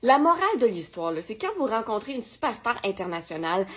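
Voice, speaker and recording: A young woman from Quebec with a Québécois French accent, telling a story in a lively, slangy and self-mocking way for her magazine's vlog. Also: mid-range voice, fairly quick, slightly rough. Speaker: magazine vlogger. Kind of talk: casual first-person storytelling.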